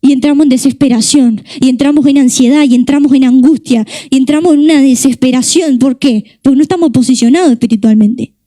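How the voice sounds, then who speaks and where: A woman's voice: sits high, brisk, hardly any pauses, dark tone, no room sound. A young woman preaching a sermon with a Rioplatense Spanish accent, impassioned and driving home her points with repeated rhetorical questions.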